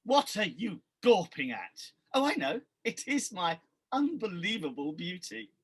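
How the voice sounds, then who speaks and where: A woman as a raspy, bossy panto ugly sister. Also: fairly low pitch, big pitch swings, a little slow, heavily acted. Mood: vain, sneering. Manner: haughty, theatrical, taunting. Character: vain, bossy, sneering pantomime ugly stepsister. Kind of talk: broad pantomime acting.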